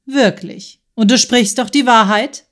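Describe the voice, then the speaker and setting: A woman's voice: fairly high pitch, unhurried, close to an everyday voice. A woman voicing a hunted male fugitive. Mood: incredulous. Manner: hushed and secretive, turning pleading. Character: frightened male fugitive, middle-aged, pleading.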